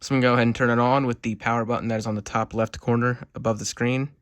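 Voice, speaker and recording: Seated at a desk indoors, a man reviews a product casually and without a script, rambling and hesitating as he goes. His medium-pitched voice is level in tone, very fast, with no room sound, and the homemade recording carries clear background noise.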